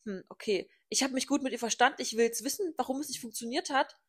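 A woman's voice: sits high, fast, slightly rough. A young woman co-hosting a podcast, reacting with outraged interjections and blunt swearing in a casual chat. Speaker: podcast co-host.

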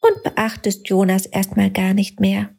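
A tiny, kind talking light from a storybook, played by a woman reading aloud. It speaks slowly and soothingly, pitched up high, with a soft breathy edge. It offers gentle encouragement in a caring tone. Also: lively intonation, heavily acted.

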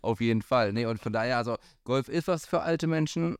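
A man's voice: mid-range voice, a little fast. A man talking as a golf pro in a casual podcast chat, hesitant, with many fillers and restarts. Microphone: studio microphone.

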